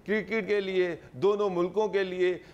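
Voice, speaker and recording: A man from Pakistan appearing as a cricket pundit on a TV panel, speaking slowly and earnestly with frequent hesitation fillers. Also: sits high, little pitch movement, darkish tone, dull audio. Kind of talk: TV panel commentary.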